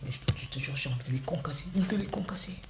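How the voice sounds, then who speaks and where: A woman's voice: sits low, fast talker. A woman voicing a rude, impatient teenager who bosses the parents around in whiny slang. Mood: exasperated. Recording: echoey room with background noise.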